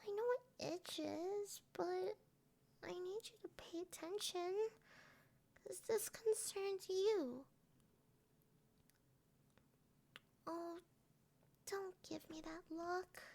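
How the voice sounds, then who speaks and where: A woman voicing a sweet, eerily obsessive, sadistic young lover in a breathy, girlish ASMR role-play. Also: extremely high pitch, darkish tone, heavily acted. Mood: insistent, sweet menace.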